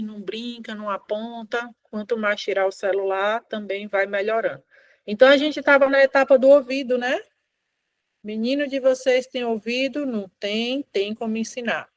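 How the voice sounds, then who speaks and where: Lively woman therapist. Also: a little high, dry recording. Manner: animated, demonstrating with quoted parent and child lines. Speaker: speech therapist. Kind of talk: informal online lesson for parents.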